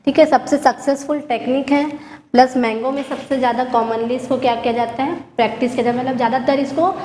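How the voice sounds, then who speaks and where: High-voiced woman teaching in an echoey room. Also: steady tone, warm tone, slight background noise. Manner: explains step by step, often checking "theek hai?"; mixes in slowly dictated English lines. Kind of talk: classroom lecture.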